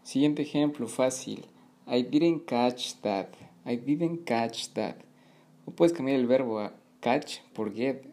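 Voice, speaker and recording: A man hosting a podcast language lesson, patiently repeating English phrases slowly for beginners. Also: mid-range voice, dark tone. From Mexico. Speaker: podcast host and English teacher.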